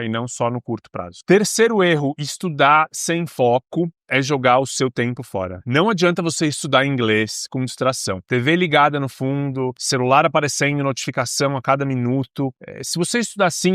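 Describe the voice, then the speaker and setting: A man's voice: mid-range voice, fairly bright tone, dry recording, studio quality. A man from Brazil, an English teacher, giving a casual video lesson for beginners and explaining step by step with lots of chatty asides.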